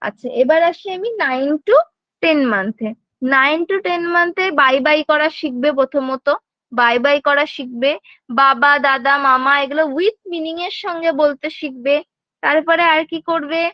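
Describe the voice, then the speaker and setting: Woman tutor, high voice, quizzing style, dry muffled home recording. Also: moderate pace, dry recording. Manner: explains step by step, asks and answers her own questions; frequent check-ins to students. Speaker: nursing exam tutor. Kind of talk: online lecture.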